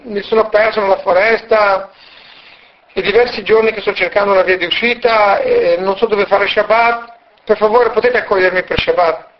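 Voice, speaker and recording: A man's voice: high voice, fairly even intonation, normal speed, dull audio. A man doing a meek pleading holy man. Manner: humble, pleading.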